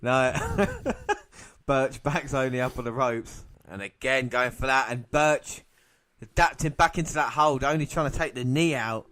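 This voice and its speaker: A man commentating on a wrestling match for a podcast, excitable and often laughing. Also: mid-range voice, normal speed. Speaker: podcast co-host.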